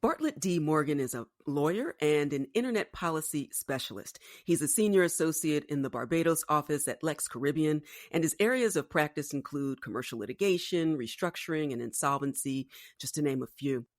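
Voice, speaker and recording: A woman's voice: sits low, animated, brisk, few pauses, dry recording, studio quality. Upbeat woman podcast host. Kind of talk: scripted intro then interview chat.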